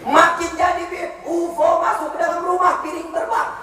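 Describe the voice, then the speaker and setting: A man's voice: very high-pitched, flat delivery, moderate pace, background noise. A man preaching a humorous sermon at a large religious gathering, joking and often putting questions to the crowd. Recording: echoey hall, voice from far off.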